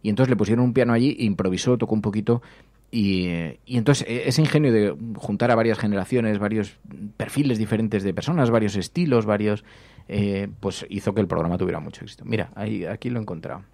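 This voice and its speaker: Animated man, radio host. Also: fairly low pitch, fast, vocal fry, no room sound. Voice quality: animated storyteller, acts out quotes. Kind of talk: casual chat.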